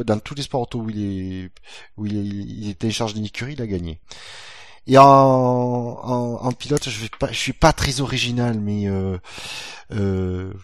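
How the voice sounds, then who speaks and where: A man's voice: lowish voice, no echo, clean studio sound. A man on a panel show, explaining his choices at length with fillers. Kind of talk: casual podcast discussion.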